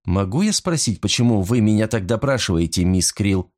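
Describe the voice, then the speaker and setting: A man voicing a polite young woman who grows sharp and indignant, in a storybook reading. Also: on the low side, lively intonation, normal speed. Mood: guarded, polite.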